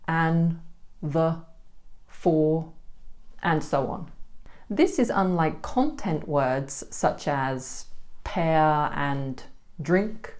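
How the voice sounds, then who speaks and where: A woman with a British accent teaching English pronunciation, saying words slowly and carefully for learners to repeat. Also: lowish voice, darkish tone. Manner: slow, careful, demonstrating words one by one. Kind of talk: pronunciation lesson.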